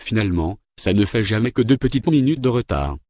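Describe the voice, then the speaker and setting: A man's voice: lowish voice, animated, a little fast, a little mellow, no room sound, clean studio sound. A man voicing an irritable government minister who grumbles and gets impatient, in a read-aloud story. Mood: relieved.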